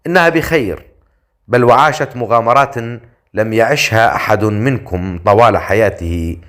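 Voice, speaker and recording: A man voicing a stern, confident male leader in an audiobook story, with a dry, measured delivery. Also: fairly low pitch, a bit bright, natural voice. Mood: teasing. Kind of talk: audiobook character voice.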